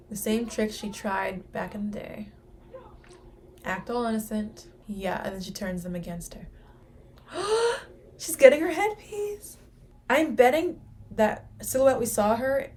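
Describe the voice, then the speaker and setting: A woman's voice: mid-range voice, a little hiss or hum. A woman hosting a casual reaction video, speculating aloud to her viewers and gasping and exclaiming at the screen. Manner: excitable, gasps and exclaims at the screen.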